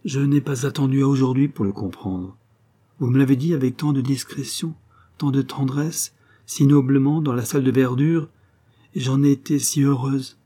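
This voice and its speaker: A man's voice: medium pitch, warm tone, close to an everyday voice. A man voicing a young woman in love, joyful and teasing, in an audiobook reading with an impassioned delivery.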